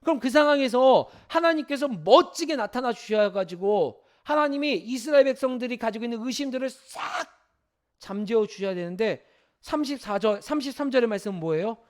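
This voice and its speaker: A man preaching as pastor, moving from emphatic preaching to soft, pleading prayer and putting questions to the congregation. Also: very high voice, lively intonation, a little fast. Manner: addresses the congregation directly with questions. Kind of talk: sermon. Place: church.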